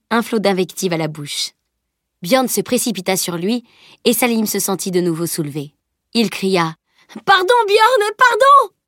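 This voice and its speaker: A woman narrating a novel as an audiobook, reading in a steady, even way. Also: on the low side, dry recording, clean studio sound.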